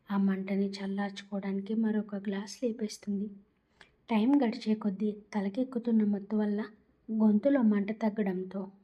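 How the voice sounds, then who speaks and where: Give me a woman storyteller with a flat, husky voice reading a romance. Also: medium pitch, dull audio. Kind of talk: scripted story narration.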